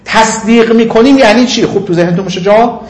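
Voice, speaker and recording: A man giving a seminary lecture, reading Arabic passages slowly and then explaining them in casual, conversational speech. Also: sits high, roomy sound. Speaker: religious teacher.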